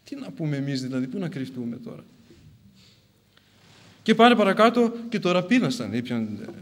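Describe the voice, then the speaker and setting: A man preaching a sermon, telling a saint's story with swings between loud outbursts and hushed asides. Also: on the high side, very animated.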